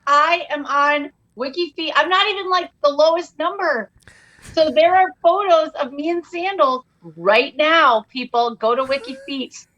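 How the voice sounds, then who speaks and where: A middle-aged comedian and author, appearing as a podcast guest, tells stories in casual comic chat and animatedly acts out quoted dialogue. Her voice is high-pitched and unhurried, captured in dull audio.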